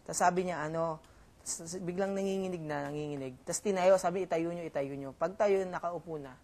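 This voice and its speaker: Halting young Filipino man telling a story. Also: on the high side, darkish tone. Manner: halting, many fillers and restarts. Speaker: reality show housemate. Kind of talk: casual storytelling.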